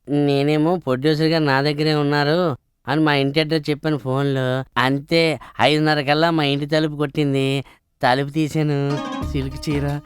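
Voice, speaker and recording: A man's voice: medium pitch, natural voice. An actor playing a henpecked office clerk who ruefully tells how he was tricked into marriage. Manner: rueful storytelling. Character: henpecked office clerk telling his sorry tale.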